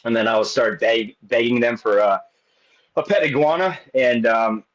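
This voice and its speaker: A man's voice: medium pitch, normal speed, highs cut off. A man in his late thirties, a guest in casual chat, rambling along with many restarts and fillers. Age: 30s.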